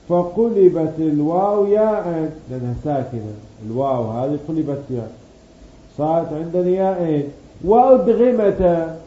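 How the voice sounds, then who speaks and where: A man teaches a grammar lesson in a deep, mellow voice that is dark rather than bright. He explains patiently, stretching out key words and answering the questions he poses himself. The recording is roomy and dull, with a faint hum behind him.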